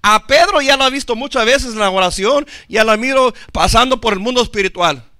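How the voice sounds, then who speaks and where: A man's voice: very high-pitched, fairly quick, bright, forceful tone, dry recording, clean studio sound, voice pushed up. A man voicing a taunting male demon who mocks and threatens someone who has never prayed. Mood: menacing.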